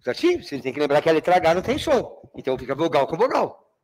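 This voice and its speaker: His voice is on the high side and a little mellow, moving quickly with big swings in pitch. This Brazilian man, speaking with a Brazilian Portuguese accent, runs a literature review class before an exam, constantly confirming students follow along and using endearing names for them.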